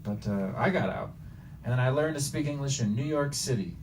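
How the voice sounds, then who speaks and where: The voice is male, brisk and lively in pitch: a brash Bosnian stand-up comedian improvising crude jokes in a retro video game store and provoking the crowd. The recording is distant from the mic and full of store noise.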